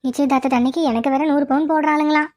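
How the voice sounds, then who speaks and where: A woman's voice: sits high, fairly even intonation, rapid-fire, a little mellow, close to an everyday voice. A woman voicing a greedy, scheming middle-aged mother-in-law in a cartoon, with a bossy, scolding manner. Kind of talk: cartoon voice acting.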